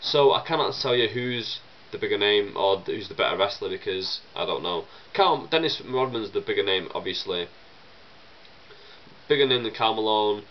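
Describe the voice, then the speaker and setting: A lowish, expressive male voice at normal speed comes through with the highs cut off and slight background noise. The young vlogger has a chesty cold, coughing and sniffling as he casually rambles through viewer questions, with many fillers and restarts.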